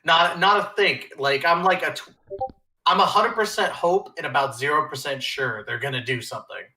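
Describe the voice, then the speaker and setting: A man's voice: fairly high pitch, moderate pace, bright, forceful tone, echoey room, poor audio. A man on a podcast panel, rambling and hedging his points in a casual chat, and laughing easily.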